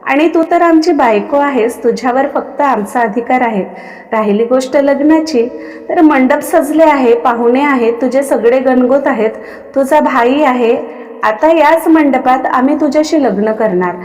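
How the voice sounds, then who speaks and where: A woman's voice: high-pitched, measured pace, a little mellow. A woman voicing an angry, domineering young husband who speaks in a commanding tone, recorded with long reverb. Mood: stern commanding. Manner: commanding, uses royal "we".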